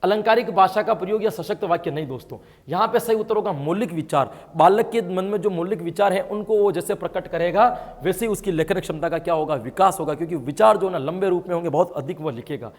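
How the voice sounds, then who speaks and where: High-voiced man teaching in an echoing hall. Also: fast, hardly any pauses. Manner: explains answers, keeps asking students rhetorical questions. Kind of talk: exam-prep lesson. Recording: long hall reverb.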